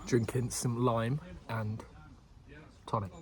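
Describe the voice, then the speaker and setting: A man in his twenties vlogs casually at his grandparents' house and garden, talking into a handheld phone while rambling and restarting sentences. His voice is medium-pitched and flat, and he speaks slowly. Crowd noise can be heard behind him.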